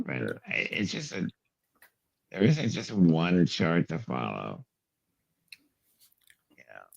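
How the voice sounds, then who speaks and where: A middle-aged man with a gravelly, rough whiskey voice, chatting casually over a tinny, breaking-up internet connection. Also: extremely low pitch, no room sound. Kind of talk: casual chat. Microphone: remote call microphone.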